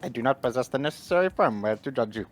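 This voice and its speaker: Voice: mid-range voice, lively intonation, quick pace, natural voice. A streamer voicing a polite, logical robot student in stiff, formal phrasing while reading game dialogue.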